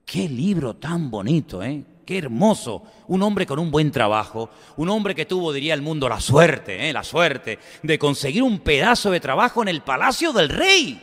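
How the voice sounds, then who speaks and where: A man preaching a sermon in a conversational storytelling manner, swinging between loud emphatic lines and quiet asides. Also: fairly high pitch, very animated, moderate pace, few pauses. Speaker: pastor. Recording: long hall reverb.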